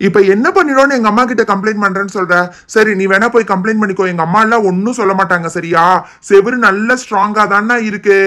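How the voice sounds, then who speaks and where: A woman's voice: medium pitch, fast talker, fairly bright tone, natural voice. A woman voicing a cheeky young boy who whines and cries out in pain in a doll video. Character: cheeky boy, mischievous and then hurt.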